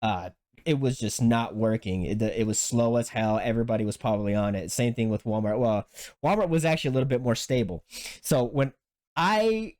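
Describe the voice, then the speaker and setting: Speaking a little fast, a podcast host tells a spirited story in casual conversation, cursing plenty and backing up to restart often. Quoting himself triggers sudden high jumps in pitch.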